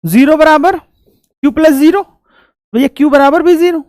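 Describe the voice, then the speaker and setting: A man's voice: very high voice, moderate pace, a little mellow, dry recording. Man teaching a recorded class; chatty, teasing, motivational, breaks into song snatches; dry close sound. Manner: chatty, joking asides to students; coaxing, motivational. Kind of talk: recorded online lesson.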